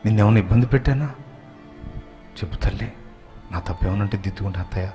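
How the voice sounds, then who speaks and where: A man voicing a guilt-ridden young daughter-in-law, pleading quickly and quietly. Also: fairly low pitch, faint music behind, lightly acted.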